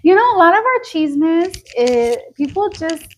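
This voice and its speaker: High-voiced gossiping woman. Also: sing-song, a little slow. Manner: chatty gossip teller, mixes Spanish words into English. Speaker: podcast co-host. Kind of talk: casual chat.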